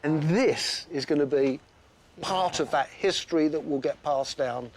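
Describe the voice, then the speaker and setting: A man's voice: fairly high pitch, unhurried, slight background noise. An older man from England, a guest talking in effusive, repetitive delight about a repaired family heirloom. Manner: effusive, repeats his delight. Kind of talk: emotional casual chat.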